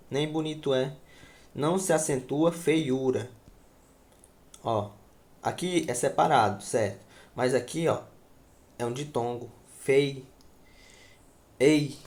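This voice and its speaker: A man teaches grammar at an unhurried pace, repeating key words and often pausing to ask whether his students follow. His voice sits a little higher than most men's. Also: a little mellow. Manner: slow, repeats words and asks "certo?". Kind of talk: grammar lesson at a board.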